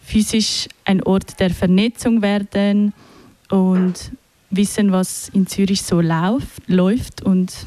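Woman radio host, slow unhurried delivery, dark soft tone, dry studio sound. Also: medium pitch, dry recording. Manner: relaxed, hesitant with many fillers. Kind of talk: live radio moderation.

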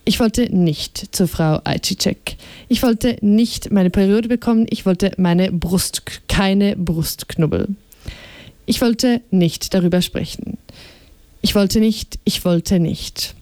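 A woman reading a children's book aloud in a clear, even storytelling manner. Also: medium pitch, slow pace, dry recording. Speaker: reader.

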